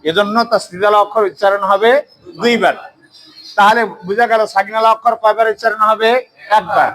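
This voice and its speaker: Sex: man. Role: Quran teacher. Pitch: high. Style: classroom recitation lesson, drilling sounds and answering his own questions. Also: steady tone, fairly quick, fairly bright tone, poor audio. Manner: drills pronunciation, asks questions and answers them himself. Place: mosque classroom.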